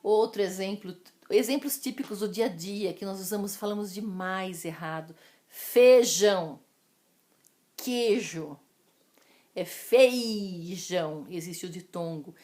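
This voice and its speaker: A Brazilian woman teacher giving a recorded lesson, drawing out each example word slowly and calling her students "amores". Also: medium pitch, darkish tone. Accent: Brazilian Portuguese. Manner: slow, drawn-out pronunciation of example words; affectionate, addresses students as "amores".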